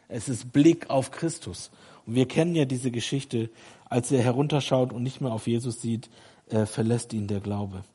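A middle-aged male preacher with a dark, mellow tone and a slightly husky edge. He delivers a sermon that moves from hushed, confiding passages to rising, urgent calls. He turns to the congregation with direct questions. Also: mid-range voice. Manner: swings from quiet, intimate confession to loud, urgent exhortation.

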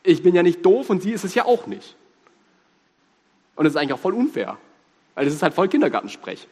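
A man with a Swabian accent preaching a sermon, lively, humorous and emphatic. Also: high voice, brisk, husky. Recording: reverberant hall.

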